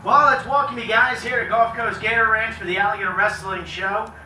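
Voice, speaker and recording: A man's voice: high-pitched, steady tone, a little fast, pushed and bright. A man projecting joking live show patter to an audience as a presenter. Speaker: alligator wrestling show presenter. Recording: echoey, slightly distant, faint noise.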